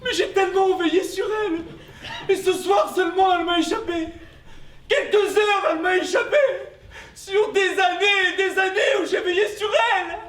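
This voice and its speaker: A man playing a distraught, shouting older brother. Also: very high-pitched, normal speed. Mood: desperate. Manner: shouting and desperate. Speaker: amateur stage actor. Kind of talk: stage play performance. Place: theater stage. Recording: echoey hall, distant camera.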